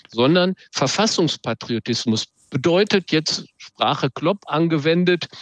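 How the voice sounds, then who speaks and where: A man speaking as an expert guest in a radio discussion, measured and reflective, sometimes hesitant. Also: medium pitch, dry recording. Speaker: expert guest, social psychologist.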